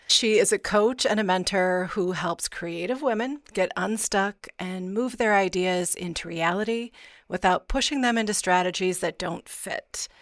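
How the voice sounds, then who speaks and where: A woman's voice: mid-range voice, a bit bright, dry recording, clean studio sound. A woman hosting a podcast, reading a scripted intro and then interviewing her guest in a conversational way. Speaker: podcast host.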